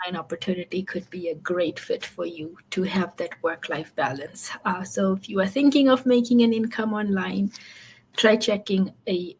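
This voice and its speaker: A woman's voice: mid-range voice, steady tone, moderate pace, darkish tone, slight background noise. A woman from Fiji hosting an online interview, upbeat and friendly, with many fillers. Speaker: host.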